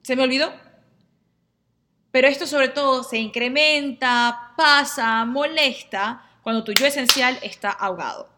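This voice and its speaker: Mujer que explica temas de astrología y psicoterapia a sus seguidores, con tono animado y acento venezolano, imitando diálogos breves. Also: female voice, high voice, unhurried, few pauses, a little hiss or hum. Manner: lively, acts out little dialogues in quotes. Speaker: astrologer and therapy teacher. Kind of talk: casual explainer to viewers.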